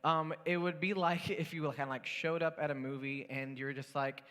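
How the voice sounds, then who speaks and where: Chatty youth pastor man, fairly high voice. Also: fairly even intonation, moderate pace, a bit bright, clear, resonant tone. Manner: chatty, with fillers, acts out voices in the story. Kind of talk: casual sermon. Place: church worship hall. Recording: long hall reverb.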